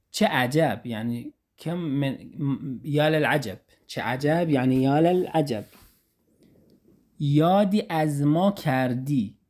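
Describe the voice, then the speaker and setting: Male language teacher, Iraqi Arabic accent, patient, repeats examples slowly. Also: medium pitch, darkish tone. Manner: slow careful repetition of example phrases. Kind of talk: explaining Persian phrases in Arabic.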